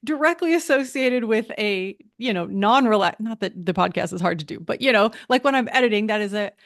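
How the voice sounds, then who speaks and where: A woman's voice: medium pitch, lively intonation, brisk, no echo. Chatty woman podcast host, dry sound. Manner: chatty, self-interrupting with frequent restarts. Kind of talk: conversational interview.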